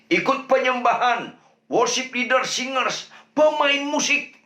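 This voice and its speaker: A male pastor with an Indonesian accent preaches in a fairly high, bright voice that leaps up and down in pitch. He takes his time, repeating phrases for emphasis, and the sound rings in an echoey church room. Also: lively intonation, slow pace. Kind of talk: sermon. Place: church sanctuary.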